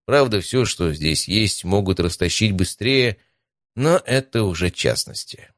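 Reading an adventure audiobook in first person, a very deep-voiced man keeps his narration calm, even and unhurried. The sound is close-miked and totally dry, with no echo from the room.

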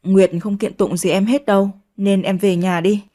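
A woman voicing a calm young man who reassures his younger sister as a protective older brother. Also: mid-range voice, moderate pace, lightly acted. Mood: reassuring.

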